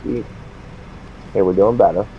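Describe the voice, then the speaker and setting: A man's voice: fairly low pitch, moderate pace, a little hiss or hum. A man streaming a game live, rambling and talking to himself as he plays. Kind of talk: casual live gameplay commentary. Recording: dull lo-fi stream audio.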